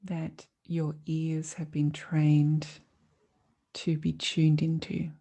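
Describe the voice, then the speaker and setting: A teacher guides a meditation in a deep voice, speaking calmly and soothingly. She keeps a measured pace and leaves long pauses.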